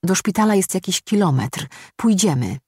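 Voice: mid-range voice, sing-song, moderate pace, darkish tone, slightly rough, no echo, clean studio sound, pitched above the performer's own voice. The narrator voicing a desperate middle-aged man pushing his way past soldiers to get his father-in-law to a hospital, with urgent, defiant speech. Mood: pleading.

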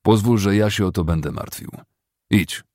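A man's voice: lowish voice, normal speed, a little mellow, no echo, studio quality, close to an everyday voice. A man playing a firm railway officer. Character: Union railway corps officer, firm, steady leader.

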